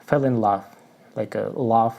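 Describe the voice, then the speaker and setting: A man with a Russian accent explains song lyrics to English learners at an unhurried, careful pace. His voice is dark and mellow, and his speech is halting as he searches for the right word and leans on fillers. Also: on the low side, fairly even intonation, vocal fry. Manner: halting, searching for words, frequent "you know" fillers.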